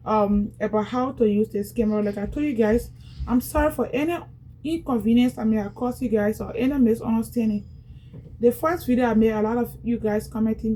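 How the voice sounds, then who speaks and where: Her pitch is fairly high and her tone dark: a Liberian-accented vlogger from Liberia, casually unboxing a product at home. She talks directly to her viewers, chatting away and repeating things. The audio is rough, with slight hiss or hum.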